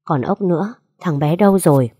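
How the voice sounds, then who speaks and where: A woman voicing a middle-aged mother who pleads for calm in a told story. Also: lowish voice, brisk, husky. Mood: pleading. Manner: soothing, pleading.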